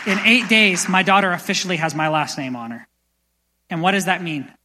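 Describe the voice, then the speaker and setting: A young man preaching a sermon as pastor, energetic and building to loud passionate peaks, in a church sanctuary. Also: fairly high pitch, a little fast, a faint crowd. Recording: long church hall reverb.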